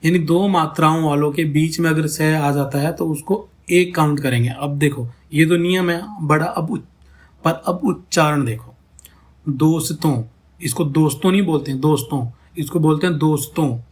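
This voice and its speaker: Man teaching poetry meter, repeating words. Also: on the high side. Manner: explains slowly, repeats words to show pronunciation; checks in often with "theek hai" and "hai na". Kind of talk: ghazal meter lesson.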